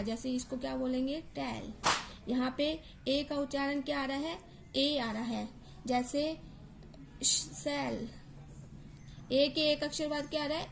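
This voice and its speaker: A woman's voice: high-pitched, slight background noise. A woman teacher explaining English pronunciation, repeating words and spelling out letters to drill each sound.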